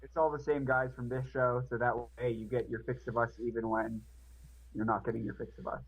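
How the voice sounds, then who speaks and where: A man's voice: mid-range voice, little pitch movement, brisk, gravelly, breathy edge, rough recording. A man co-hosting a podcast, chatting casually. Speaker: podcast co-host. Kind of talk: casual chat.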